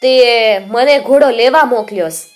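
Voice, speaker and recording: A woman's voice: a little high, measured pace, soft background music, pitched above the performer's own voice, natural voice. A woman doing a polite royal messenger. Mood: respectful. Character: humble, nervous royal male messenger.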